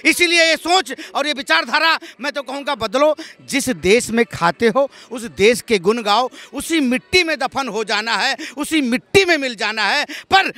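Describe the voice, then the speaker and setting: A man's voice: very high voice, lively intonation, moderate pace, few pauses, pushed and bright, no echo. A man arguing heatedly as a street interviewee, insisting on being heard and repeating his points. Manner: insistent, repeats himself, talks over others.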